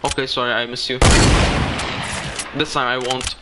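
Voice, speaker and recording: A man commentating live as he plays a shooter game, excitable and talking to himself. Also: medium pitch, normal speed, very noisy. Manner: excitable, talks to himself while playing. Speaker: gaming streamer.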